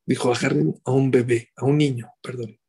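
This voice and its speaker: A middle-aged man giving a sermon as a rabbi, animated and full of rhetorical questions to his listeners. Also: medium pitch, moderate pace, husky.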